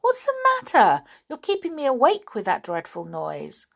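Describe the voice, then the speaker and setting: A woman doing a tiny squeaky pixie. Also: huge pitch swings, normal speed, creaky, fairly bright tone, breathy edge, exaggerated voice. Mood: impatient. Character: small, brisk female pixie.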